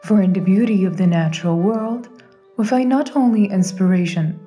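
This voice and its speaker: A woman reading scripted nature documentary narration in a measured, reverent manner. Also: medium pitch, dark tone, soft background music.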